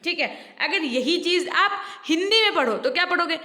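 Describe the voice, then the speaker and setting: A woman teacher with an Indian accent giving an online class, mixing Hindi and English, asking her students questions and reading English lines slowly. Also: extremely high pitch, expressive, bright, forceful tone, reverberant.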